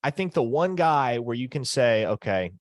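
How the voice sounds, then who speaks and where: A man's voice: mid-range voice, very animated, normal speed, no room sound, clean studio sound. Articulate man explaining sports recruiting. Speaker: co-host, sports analyst. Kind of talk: casual sports podcast analysis.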